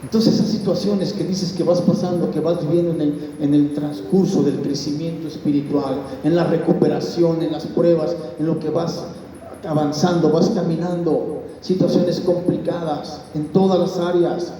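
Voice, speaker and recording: A man's voice: a little high, little pitch movement, moderate pace, dark tone, a little hiss or hum. A middle-aged man, a pastor giving an earnest spoken testimony. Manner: earnest storytelling, acts out quoted voices. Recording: echoey hall, mic far off.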